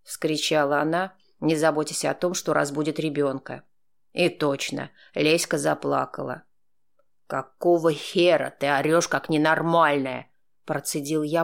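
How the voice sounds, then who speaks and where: A man narrating a first-person audiobook in a steady, dry, sardonic tone. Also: a little high, creaky.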